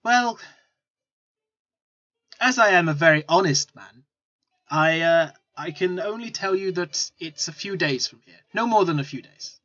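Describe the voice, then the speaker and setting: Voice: mid-range voice, animated, normal speed, fairly bright tone, no room sound, lightly acted. A game master voicing a shifty male desert merchant who fawns, stammers and dodges questions while angling for coin. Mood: evasive. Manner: stammering, fawning salesman patter. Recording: lo-fi with faint music.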